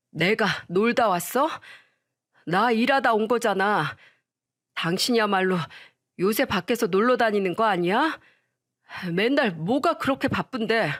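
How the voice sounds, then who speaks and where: A woman voicing a selfish, nagging young wife who scolds and shouts at her husband in a storytelling drama. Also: mid-range voice, lightly acted.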